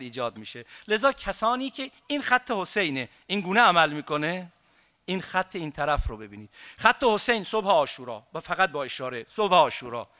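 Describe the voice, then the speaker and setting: Man preaching a grieving sermon. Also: on the high side. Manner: swings from hushed grieving recital to loud emphatic preaching. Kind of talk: mourning sermon with recited elegy.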